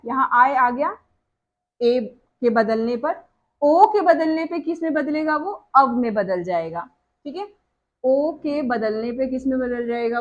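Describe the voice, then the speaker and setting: A woman's voice: sits high, muffled recording. A woman teaching a grammar lesson, asking questions and answering them herself, repeating each example word.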